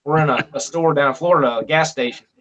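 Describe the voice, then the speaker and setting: A man's voice: on the high side, fast, a bit bright, dull audio. A man telling a long story in casual chat, rambling with many restarts and fillers. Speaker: guest storyteller.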